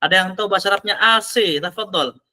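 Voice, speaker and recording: A man teaching an online Arabic class, slowly sounding out each Arabic word before explaining it. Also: high-pitched, pushed and bright.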